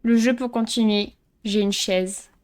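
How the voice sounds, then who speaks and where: A woman's voice: medium pitch, steady tone, a little slow, a little mellow. A woman commenting as she plays a horror video game, joking and teasing herself, sometimes tripping over words she reads aloud. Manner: joking, self-mocking, stumbles over read-out text. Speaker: gameplay streamer. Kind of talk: let's play commentary.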